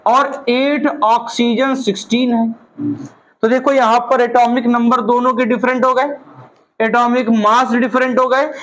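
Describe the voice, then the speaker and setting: A man teaching a physics class, talking slowly to his students and calling them "beta", asking questions and then answering them himself, often repeating key terms. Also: very high voice, poor audio. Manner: repeats key terms slowly, mixing English phrases into Hindi. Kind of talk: classroom lecture.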